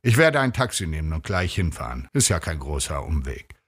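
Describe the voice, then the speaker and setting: A man's voice: a bass voice, very animated, a little fast, fairly bright tone, breathy edge, exaggerated voice. A man playing a self-satisfied, teasing middle-aged husband in a read short story.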